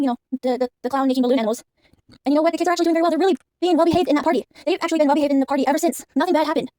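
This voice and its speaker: A woman's voice: high voice, a little mellow, no echo, studio quality. A young woman giving casual movie commentary in a rambling way, full of fillers and restarts. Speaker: movie reaction vlogger.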